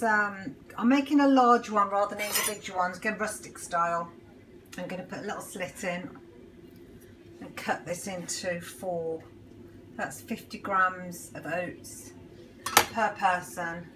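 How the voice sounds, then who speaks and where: A woman chatting her way through a home baking demonstration in her kitchen, pausing often with ums. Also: medium pitch, a little hiss or hum, low-quality recording. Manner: chatty, self-narrating with frequent ums. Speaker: home cook. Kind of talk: casual cooking demonstration.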